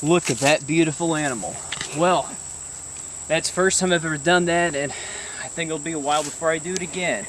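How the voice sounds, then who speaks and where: A man hosting an outdoor how-to vlog, talking to the camera with excited, folksy exclamations. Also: fairly high pitch, fairly quick, slight background noise. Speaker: vlog host.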